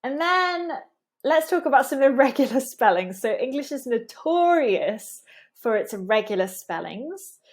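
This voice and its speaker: Slow-speaking woman pronunciation coach. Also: high-pitched, very animated. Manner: demonstrates sounds by repeating words with exaggerated mouth movement; patient, explanatory. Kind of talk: pronunciation lesson.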